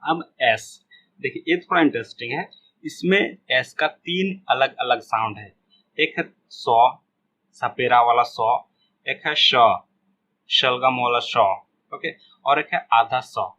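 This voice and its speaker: A man gives a beginners' English lesson at a slow, careful pace, saying every example word several times over. His tone is bright and forceful, and a faint hiss sits under the recording. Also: medium pitch, rough recording. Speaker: English teacher.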